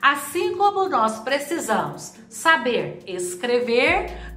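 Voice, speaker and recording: A woman teaching a grammar video lesson, drawing out example words slowly to stress their syllables. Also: high voice, bright, forceful tone, reverberant.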